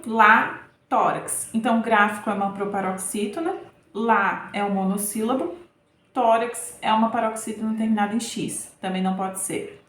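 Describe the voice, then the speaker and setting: A woman's voice: mid-range voice, fairly bright tone, reverberant. A woman Portuguese teacher patiently working through grammar exercises, checking in often with short tag questions.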